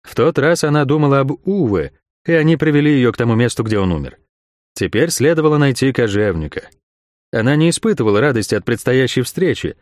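A male narrator reads dark fantasy in a measured, dramatic manner, pitched in the middle range. The recording is close and bone-dry, with no room around it. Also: no echo. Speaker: audiobook narrator.

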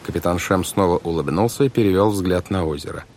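A man narrating a storybook in a measured, expressive reading style. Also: low voice, slight background noise. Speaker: audiobook narrator.

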